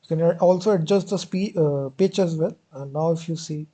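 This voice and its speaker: In a screen-recorded coding walkthrough, a man from India explains code step by step, frequently using "actually" and "basically." His voice is warm and a little high, moving at normal speed.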